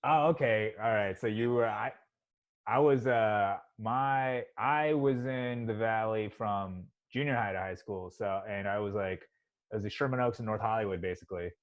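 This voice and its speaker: A man's voice: on the low side, normal speed. A man hosting a podcast, chatting in a rambling, profane way with lots of "you know". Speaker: podcast host. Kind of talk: casual podcast chat. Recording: slightly dull sound.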